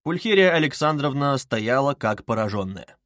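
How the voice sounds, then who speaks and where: A man narrating an audiobook of a classic novel in a measured, literary manner. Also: medium pitch, sing-song, a bit bright, no room sound, clean studio sound.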